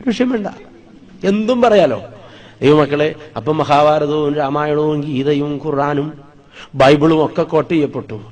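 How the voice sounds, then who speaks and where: A man from Wayanad in Kerala, a priest preaching a sermon, telling his own life story dramatically and acting out the scenes. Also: a little high.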